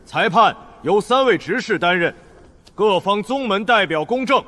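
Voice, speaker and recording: A man's voice: high voice, lively intonation, moderate pace, sharp tone, long reverb tail. An actor voicing a male tournament judge announcing the rules and results formally.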